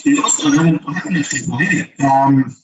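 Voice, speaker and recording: A man's voice: fairly high pitch, a little fast, reverberant. A man chatting casually as a guest over a video call, his audio muffled so he sounds underwater, restarting his sentences. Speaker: guest on a live call-in show. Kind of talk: casual chat.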